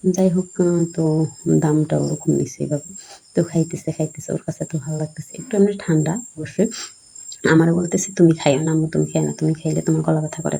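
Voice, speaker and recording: A woman narrates a family vlog in a loose, meandering way, circling back over details. Her voice is strongly gravelly and breathy-husky, with a dark, mellow tone at an ordinary pitch. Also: poor audio. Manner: rambling, repetitive storytelling with many fillers. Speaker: vlogger and mother.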